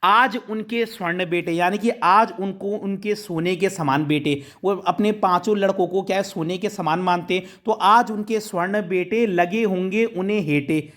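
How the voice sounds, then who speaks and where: A male teacher explaining a poem to students, reading verses slowly and then explaining them in plain speech. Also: high-pitched, fairly bright tone. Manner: addresses students directly. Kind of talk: poetry lesson explanation.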